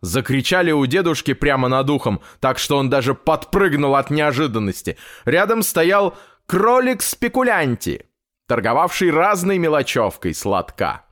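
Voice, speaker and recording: A man narrating a children's audiobook in an expressive, unhurried storytelling manner. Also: a little high.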